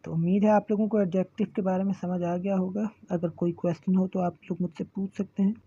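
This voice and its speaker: A woman teaching an English grammar lesson, patiently repeating examples and slowing down to spell them out. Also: on the low side, steady tone, warm tone, breathy edge, no echo, lo-fi sound. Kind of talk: classroom grammar lecture.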